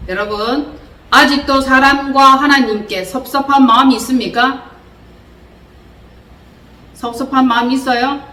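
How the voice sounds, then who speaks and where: Bright-voiced woman preaching in a roomy space. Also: on the high side. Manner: earnest exhortation with many rhetorical questions. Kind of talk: sermon. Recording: roomy echo, distant mic, faint noise.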